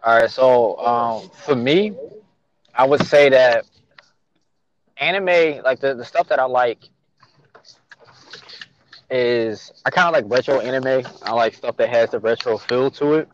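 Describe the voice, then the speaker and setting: A man's voice: medium pitch, a little slow, pauses often, muffled recording. A man co-hosting a casual podcast, joking around in slangy banter. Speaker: podcast co-host. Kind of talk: casual chat.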